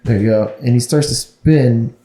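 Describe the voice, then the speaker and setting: Mellow-voiced man chatting about comics. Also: mid-range voice, moderate pace, reverberant, poor audio. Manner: casual, restarts often, corrects comic details. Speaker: podcast co-host. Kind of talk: casual chat about movies and comics.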